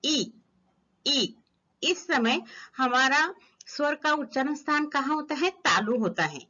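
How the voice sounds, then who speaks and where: Woman teacher, high animated voice, careful slow explanations, slightly muffled recording. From Maharashtra, India. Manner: slow, deliberate, models each vowel sound aloud. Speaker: Hindi grammar teacher. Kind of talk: recorded online grammar lesson.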